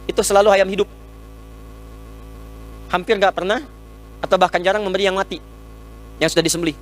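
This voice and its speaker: A man preaching a humorous sermon to an audience, teaching with everyday examples and jokes, speaking into a microphone. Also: sits high. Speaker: Islamic preacher. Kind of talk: humorous sermon lecture with questions and answers.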